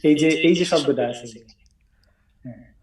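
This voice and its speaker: A man's voice: fairly high pitch, a little slow, darkish tone, distant mic, rough recording. A man from Bangladesh teaching pronunciation in casual talk, modeling English words and explaining where to put the stress. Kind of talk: informal teaching chat.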